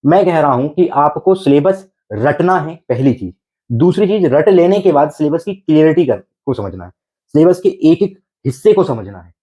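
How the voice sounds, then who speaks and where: In a slightly high voice over dull-sounding audio, a man delivers an exam coaching lecture. He coaxes his students along with repeated rhetorical questions and frequent check-ins.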